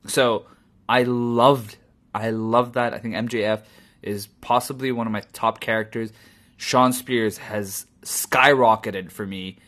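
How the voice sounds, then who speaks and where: A man giving a casual solo review of a wrestling show, rambling and animated, often swearing and laughing as he recaps. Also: mid-range voice, a little slow.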